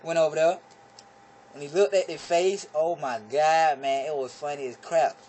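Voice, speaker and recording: A teenage boy hosting his own comedy video, telling a story in an excitable, animated way, his voice jumping high when he acts out what people said. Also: normal speed, a little hiss or hum. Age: teens. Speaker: vlog comedy host.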